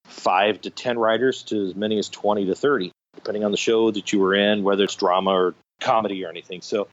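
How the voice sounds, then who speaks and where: Joining a podcast remotely over a dull, lo-fi internet call, an American man in his fifties tells casual stories and pokes fun at himself. He talks at a quick pace in a lowish, steady voice.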